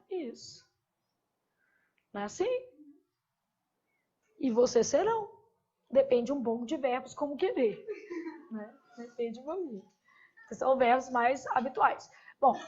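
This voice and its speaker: Woman teacher, high voice, going slow through verb forms and asking the class questions, muffled lo-fi sound. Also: darkish tone, slightly rough. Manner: spells out verb forms slowly, asks the class rhetorical questions. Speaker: Portuguese grammar teacher. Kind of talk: classroom grammar lesson. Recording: dull, lo-fi lecture recording.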